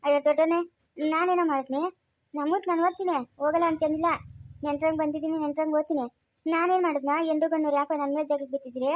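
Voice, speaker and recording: A long-suffering old village aunt with a rural Chikkaballapur Kannada accent, played by a woman in a family skit. Her voice sits fairly high for an old woman, and she talks in soft sighs with muttered little "ha?" asides. She is gentle and worn down. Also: fairly even intonation, rapid-fire, lightly acted. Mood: pleading. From Karnataka. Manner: sighing, murmured asides with "ha?".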